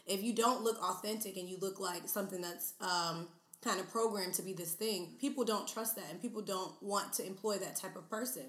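Woman, mid-twenties, interview guest, chatty and animated, roomy echo. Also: mid-range voice, a little fast. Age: 20s. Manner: animated, chatty, many fillers. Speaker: podcast guest. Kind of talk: casual interview chat.

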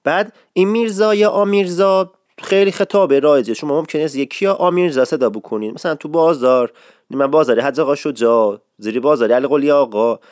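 Man slowly teaching dialect terms. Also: a little high, a little mellow, dry recording, studio quality. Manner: repeats key words slowly for emphasis. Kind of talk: casual explanatory lesson.

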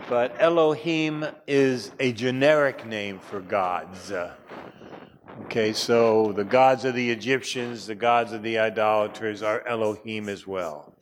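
A man's voice: fairly low pitch, a little slow, a little hiss or hum. A man teaching a class, chatty, with wry asides and frequent fillers. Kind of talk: classroom lecture.

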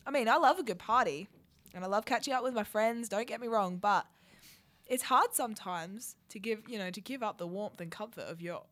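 A young Australian woman co-hosting radio in casual chat, her voice croaky and hoarse from a head cold, chatty and self-deprecating. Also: medium pitch, a little fast, fairly bright tone. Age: young adult. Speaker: radio co-host.

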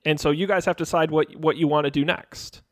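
A man running a tabletop game, talking in a slightly high voice that sits dry and close. His narration is loose and chatty, full of ums and little restarts as he describes the scene. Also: fairly even intonation, fast, no room sound. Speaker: game master.

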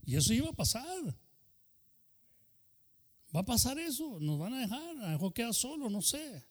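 Man, pastor, fervent bilingual sermon, high voice. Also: sing-song, normal speed. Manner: switches between Spanish and English mid-sentence; fervent preaching punctuated by "aleluya" and "hermano".

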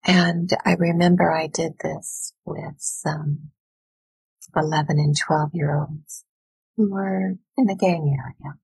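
A woman educator speaking in a soft, soothing, deliberate way with pauses, as if leading a guided visualization, her voice breathy and husky. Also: low-pitched, steady tone, dry recording, low-quality recording. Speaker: educator, workshop leader.

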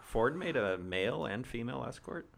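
A man talking in casual comic banter with a halting, rambling delivery. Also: medium pitch, animated, gravelly, fairly bright tone.

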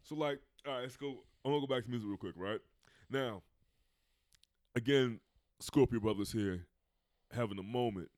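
Relaxed man chatting on a podcast. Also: mid-range voice, moderate pace, pauses often, no room sound, clean studio sound. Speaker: podcast guest. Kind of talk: casual chat.

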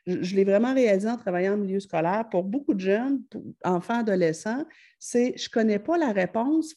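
Woman, Quebec French accent, warm mellow tone, calm explanatory advice, halting fillers. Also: medium pitch. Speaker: parenting advice speaker. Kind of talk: advice talk to parents.

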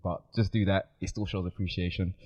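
A man's voice: low-pitched, little pitch movement, a little fast, darkish tone, highs cut off. A man hosting a casual panel chat, explaining himself insistently in slangy speech. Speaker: podcast host.

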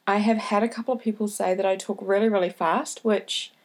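A woman with a broad New Zealand accent hosting a solo podcast, giving motivational advice in a careful, deliberate way. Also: medium pitch, fairly even intonation. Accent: broad New Zealand (Kiwi). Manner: deliberately slowed, careful delivery with repeated key points. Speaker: podcast host.

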